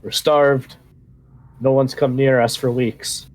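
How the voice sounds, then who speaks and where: A starved goblin prisoner, chained up for weeks, protests his innocence with indignant urgency, as a man puts him on. He sits mid-range in pitch and speaks in a pleading, defiant manner in a tabletop game. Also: little pitch movement, slow, a little mellow, close to an everyday voice, rough recording.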